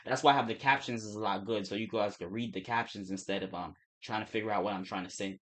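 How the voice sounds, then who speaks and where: A young man from Turks and Caicos speaks fast and casually on a trading livestream, his accent a Creole-English mix of Caribbean and American. He restarts often and swears. His voice sits on the low side with a steady tone.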